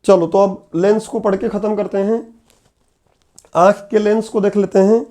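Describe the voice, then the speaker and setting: A man's voice: high voice, level tone, moderate pace, mellow. A man giving an exam-prep lecture, repeating key terms and putting questions to his students. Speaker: teacher. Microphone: laptop on online class.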